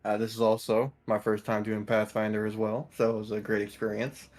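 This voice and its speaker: A man's voice: on the low side, monotone, brisk, a little mellow. A man who just played a tabletop game, chatting casually in a laid-back, self-deprecating way. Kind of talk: casual chat.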